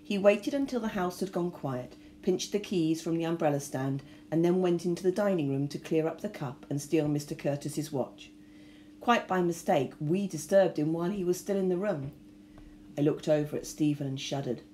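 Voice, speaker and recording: A woman reading a novel aloud with expressive storytelling. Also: deep voice, moderate pace, slight background noise. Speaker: reader.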